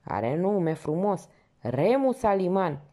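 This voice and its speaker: A woman's voice: on the low side, big pitch swings, warm tone. A woman voicing a fawning, gossipy older male theater porter in a novel she reads aloud. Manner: obsequious, gossipy, exclaiming.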